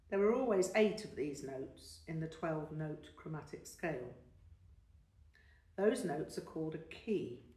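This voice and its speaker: A woman reading the part of a patient older man who teaches music, explaining carefully and encouraging his young pupil. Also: low voice. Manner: measured, explanatory, gently encouraging. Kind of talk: audiobook character voice. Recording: roomy, distant mic.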